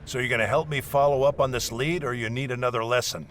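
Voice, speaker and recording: A man's voice: mid-range voice, steady tone, fast talker, a bit bright, natural voice. A man playing a hostile, bossy warrior leading a scouting mission in a video game, curt and scornful. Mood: brusque, businesslike. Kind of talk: video game dialogue acting.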